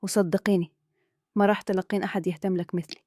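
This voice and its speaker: A woman with a Kuwaiti accent voicing a calm, scheming man who speaks in a hushed, persuasive way. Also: medium pitch, quick pace, no room sound, lightly acted. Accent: Kuwaiti Arabic.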